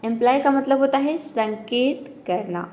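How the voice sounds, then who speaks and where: A woman's voice: sits high, a little slow, darkish tone. A woman teaching an English pronunciation lesson, patiently explaining step by step and talking directly to her viewers.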